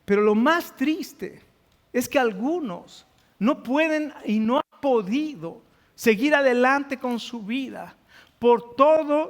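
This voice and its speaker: A man delivers a sermon in a very high voice, often stopping to ask his listeners questions. The sound rings with the long reverb of a church hall. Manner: asks the congregation rhetorical questions. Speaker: pastor. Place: church sanctuary.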